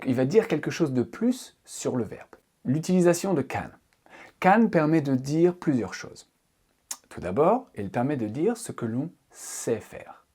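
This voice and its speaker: A man giving a video lesson, explaining grammar as an English tutor in an expressive teaching voice. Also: mid-range voice, breathy edge. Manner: lively, expressive teaching voice with frequent fillers.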